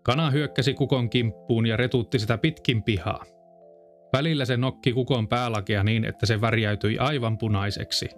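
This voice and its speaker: A man's voice: medium pitch, faint music behind. Man reading a fairy tale. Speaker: storyteller.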